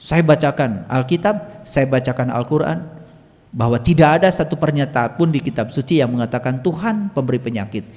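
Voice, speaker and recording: Animated male spiritual teacher, reverberant hall. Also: fairly quick. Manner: animated, swinging between loud emphatic peaks and quiet low asides. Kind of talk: storytelling motivational talk.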